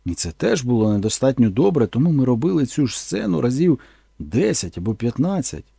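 A man narrates a first-person audiobook plainly and earnestly, his medium-pitched voice gravelly, husky, and dark. His delivery is lively and a little fast, captured in a dry, close recording with no echo.

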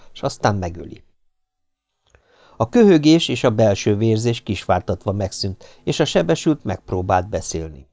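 A man reading an adventure novel aloud as an audiobook narrator, steady and even. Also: on the low side, no room sound. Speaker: audiobook reader. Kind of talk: scripted narration.

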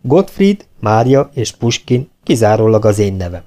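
A man's voice: fairly low pitch, very animated, dark tone. A man voicing a naive, cheerful, long-faced male recruit who chatters on, carefree and oblivious, in an audiobook reading.

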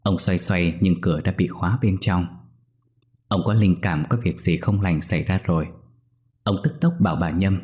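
Deep-voiced man narrating a ghost story. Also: moderate pace, darkish tone. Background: faint music.

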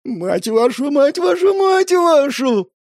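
A frantic male enforcer who shouts and curses, his pitch leaping all over the place, as a man reads him out. The voice is dry and close, with no room around it. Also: very animated, fairly quick, husky, no echo, full character voice. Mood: panicked. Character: panicking furious male gang enforcer.

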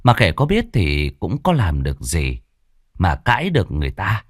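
A man narrating a dramatic folk tale in an unhurried, expressive way. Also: deep voice, no echo, studio quality. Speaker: storyteller.

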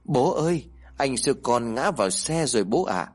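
A man's voice: mid-range voice, animated, moderate pace, a little mellow, close to an everyday voice. A man voicing the ghost of a small boy who pleads tearfully to his father. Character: dead little boy's ghost, sobbing to his father.

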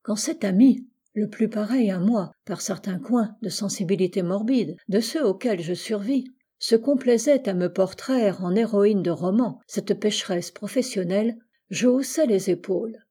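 A woman narrates a classic novel for an audiobook, keeping a measured, even pace through long sentences. Her voice is mellow and soft at the edges, with a husky grain. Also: mid-range voice. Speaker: audiobook reader. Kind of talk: scripted literary narration.

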